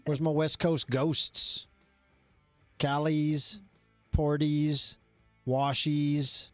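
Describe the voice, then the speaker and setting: A man's voice: a little high, flat delivery, no room sound, soft background music. Playful man hosting a live show. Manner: playful, drawn-out hype calls. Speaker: show host. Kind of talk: casual live-stream chat.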